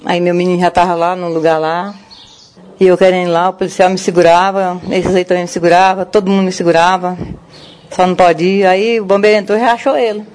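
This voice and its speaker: An older woman with a Brazilian Portuguese accent, a grieving grandmother telling in distress what happened, in a rushed, breathless retelling full of quoted dialogue. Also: on the low side, level tone, a little mellow. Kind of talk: emotional first-hand account.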